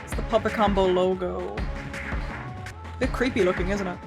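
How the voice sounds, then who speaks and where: A young female streamer speaks at a moderate pace in a mid-range voice with fairly even intonation and vocal fry. Against game music, she reads chat and offers casual, wry, meandering commentary, often correcting herself mid-sentence.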